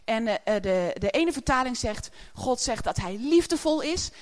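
A woman's voice: on the high side, lively intonation, normal speed. A woman preaching a sermon in a chatty way, often laughing as she speaks to the congregation.

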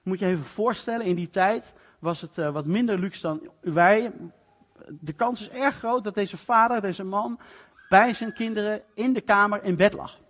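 A man's voice: high-pitched, normal speed, a bit bright. A male preacher giving a sermon in a conversational, explanatory way, acting out the parts of the story. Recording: long reverb of a large hall.

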